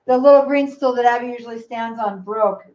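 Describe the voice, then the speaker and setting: A grandmother with a high voice chats away on her cooking livestream and talks straight to the viewers. She speaks from her home kitchen. The audio sounds dull and lo-fi. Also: a little fast, a little mellow. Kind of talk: casual livestream chat while cooking.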